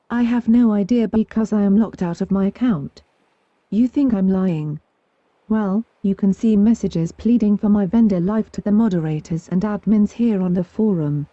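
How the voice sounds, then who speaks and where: A woman reading forum posts aloud at a steady pace, spelling out abbreviations letter by letter. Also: mid-range voice, no echo. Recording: dull, lo-fi dry recording.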